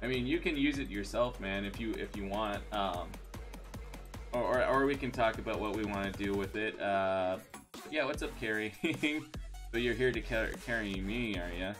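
Brief: low-pitched guy streamer, casual and grateful, lots of uh and restarts, faint music under him. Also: normal speed. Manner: rambling and thankful, with many fillers and restarts. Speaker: live game streamer. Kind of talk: casual live-stream chat.

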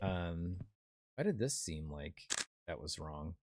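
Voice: deep voice, lively intonation, takes it slowly, music in the background. A young adult streamer chatting casually while playing a horror game, rambling with lots of fillers and restarts. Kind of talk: casual chat while gaming.

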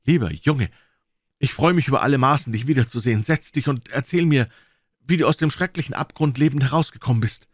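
A man reading an audiobook and voicing an agitated middle-aged doctor who exclaims in excitement. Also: mid-range voice, a little fast, no room sound, clean studio sound, voice pushed up, lightly acted. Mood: overwhelmed.

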